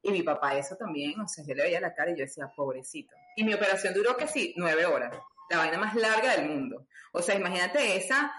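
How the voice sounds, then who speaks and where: A woman's voice: lowish voice, lively intonation, fast talker, a bit bright. Roomy-sounding woman telling her story. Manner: chatty, many "o sea" fillers, acts out dialogue. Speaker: guest. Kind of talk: emotional personal storytelling. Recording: roomy echo.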